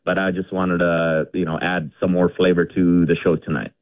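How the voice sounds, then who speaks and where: A man's voice: low-pitched, flat delivery, moderate pace, dry recording. A middle-aged man from India calling in to a radio show, chatting casually and rambling with lots of fillers and restarts. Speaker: caller. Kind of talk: casual call-in chat. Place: home garage. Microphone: phone. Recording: tinny phone line.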